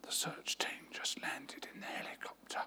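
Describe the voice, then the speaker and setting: A man voicing a small child who whispers short, secretive answers down the phone, in a hushed, breathy whisper. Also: moderate pace.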